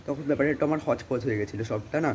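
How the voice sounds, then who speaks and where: A teenage boy from India with a cold-roughened voice, vlogging casually into a phone at home, rambling with lots of fillers and English words. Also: mid-range voice, rapid-fire, muffled recording, slight background noise. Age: teens. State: hoarse from a cold. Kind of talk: casual vlog chat. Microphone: phone camera.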